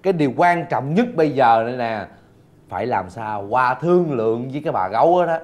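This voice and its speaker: An actor playing the sensible young friend, patiently laying out plans in a TV drama. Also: male voice, mid-range voice, lively intonation, fairly quick, natural voice. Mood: earnest. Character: level-headed young man, the sensible friend. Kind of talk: TV drama acting.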